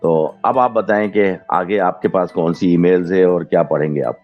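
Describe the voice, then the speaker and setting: Low-voiced man reading listener comments. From Pakistan. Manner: relaxed, chatty, mixes in English thank-yous. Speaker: podcast host. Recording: dull lo-fi recording with faint music.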